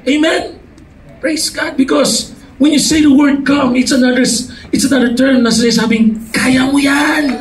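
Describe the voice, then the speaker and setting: High-pitched Filipino preacher shouting in an echoey hall. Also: male voice, level tone, normal speed. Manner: shouting, calls for amens from the crowd; mixes English and Tagalog mid-sentence. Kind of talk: sermon. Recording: echoey hall, voice far from mic, crowd and noise.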